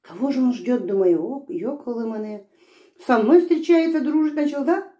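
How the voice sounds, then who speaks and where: A woman's voice: fairly high pitch, lively intonation, normal speed, warm tone. A middle-aged woman vlogger chatting through a mouthful of food as she tells a story while she eats. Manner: chatty, repeats "I say" when retelling. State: mouth full. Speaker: mukbang vlogger. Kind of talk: casual storytelling while eating. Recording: echoey room.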